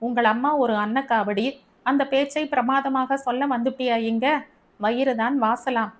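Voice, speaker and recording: A woman reads an arrogant young husband in an audiobook story, scolding his wife in a raised, emphatic voice. He is irritable and proud of his status. The voice sits fairly high. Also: steady tone, measured pace, close to an everyday voice. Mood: angry, scolding. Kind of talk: audiobook character reading.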